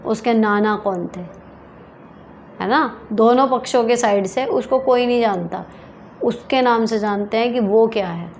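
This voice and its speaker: A woman's voice: fairly high pitch, darkish tone, slight background noise. A woman hosting a casual advice talk, reading viewer questions aloud and answering them in a frank, direct way. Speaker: advice show host.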